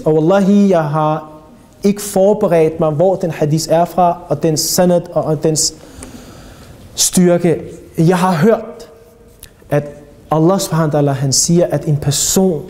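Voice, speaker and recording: A man giving a religious lecture to young people as an Islamic teacher, talking animatedly and putting rhetorical questions to his listeners. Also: a little high. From Denmark. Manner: animated, addresses audience directly with rhetorical questions.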